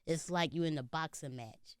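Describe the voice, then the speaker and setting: A comedian in his late twenties appears as a guest in a casual interview, speaking earnestly about faith and often saying "you know." His fairly high, smooth voice moves at a moderate pace, recorded in clean studio sound with no room sound.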